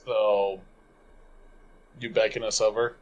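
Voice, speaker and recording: A man's voice: lowish voice, level tone, slow, lo-fi sound, slight background noise. A man playing in a tabletop game, talking casually and hesitantly. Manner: hesitant, laughs between lines. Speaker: player. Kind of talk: casual chat.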